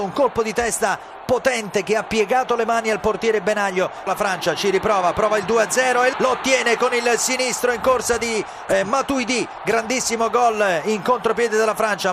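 Excited high-pitched male football commentator. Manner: excited, raised voice on goals. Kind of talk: live goal commentary. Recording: clear background noise.

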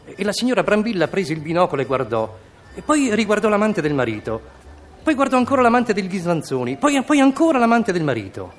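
A man's voice: sits high, huge pitch swings, a little fast, slight background noise. A man narrating a comic radio story with a playful delivery.

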